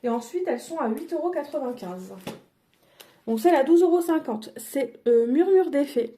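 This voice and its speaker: A woman's voice: sits high, lively intonation, normal speed, dark tone. A woman showing her craft purchases in a casual vlog, chatty and hesitant, with many fillers and self-corrections. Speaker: crafting vlogger. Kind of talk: casual product haul.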